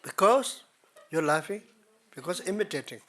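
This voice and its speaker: A man's voice: mid-range voice, slow pace, fairly bright tone. A man giving a Buddhist dharma talk in simple, broken English, with a playful and teasing manner. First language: not English. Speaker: Buddhist teacher. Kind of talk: dharma talk to a retreat audience.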